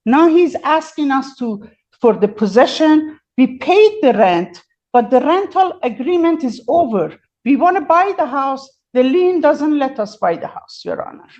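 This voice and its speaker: Woman, defendant, insistent formal pleading, very slow delivery, dull lo-fi courtroom sound. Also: sits high, animated, a little mellow. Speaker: self-represented defendant. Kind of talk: courtroom argument.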